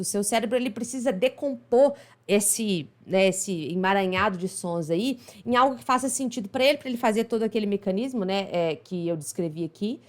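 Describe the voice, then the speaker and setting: A Brazilian woman with a Minas Gerais accent, explaining pronunciation in a chatty online lesson, often asking "right?". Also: on the high side. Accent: Minas Gerais Portuguese. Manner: chatty, explanatory, frequent tag questions. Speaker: English pronunciation teacher.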